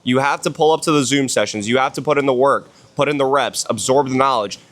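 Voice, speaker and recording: A man's voice: mid-range voice, fast talker, fairly bright tone. A hungover man talking casually and motivationally on a podcast, blunt and slangy, swearing often and repeating phrases for emphasis. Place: outdoors on a villa balcony.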